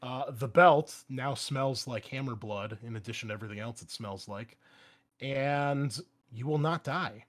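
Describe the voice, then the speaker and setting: Running a tabletop roleplaying game, a mid-pitched man shifts easily between explaining the rules and narrating scenes. He's unhurried, casual, and happy to swear along the way.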